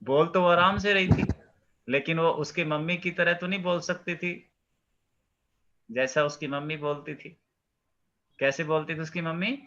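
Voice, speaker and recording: A male teacher slowly explaining a play to his class, questioning students and acting out the lines. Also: fairly high pitch, fairly even intonation, sharp tone, lo-fi sound.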